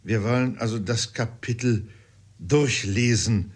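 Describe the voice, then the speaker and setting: A man's voice: mid-range voice, a little slow, slightly rough. A man reading an audiobook, voicing a pompous, learned older father who lectures emphatically. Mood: lecturing.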